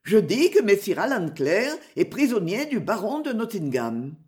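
A woman's voice: medium pitch, very animated, normal speed, darkish tone, natural voice. A woman reading aloud voices a fierce, mocking male outlaw who boasts and threatens. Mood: boastful.

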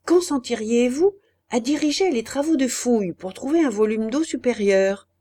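A woman reading the lines of a brisk, self-important male banker in an audiobook, in a hurried, emphatic way. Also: fairly high pitch, lively intonation, mellow, pitched above the performer's own voice.

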